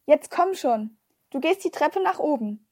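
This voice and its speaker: A woman reading aloud and voicing a grumpy, half-deaf old man with a croaky voice and a gruff, commanding way of talking. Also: high-pitched, lively intonation, unhurried, darkish tone, dry recording, clean studio sound, voice pushed up.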